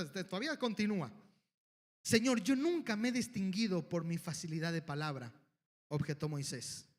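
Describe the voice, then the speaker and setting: A man with a Mexican Spanish accent preaching a sermon in a church hall, pleading and building to shouted exhortation. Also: sits high. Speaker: pastor. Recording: long hall reverb.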